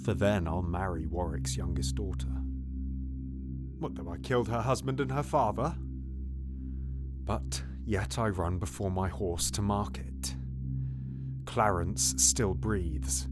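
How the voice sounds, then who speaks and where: A man's voice: low-pitched, takes it slowly, pauses often, loud music behind the voice. A man playing a scheming, sardonic, silkily seductive duke in a Shakespearean audio drama, theatrical and insinuating. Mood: gleeful plotting. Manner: theatrical, insinuating, drops into whispers.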